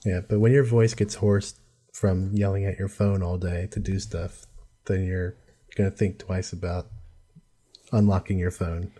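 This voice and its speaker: Mellow, lowish-voiced male podcast host. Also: level tone, unhurried, slightly rough. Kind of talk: casual tech discussion.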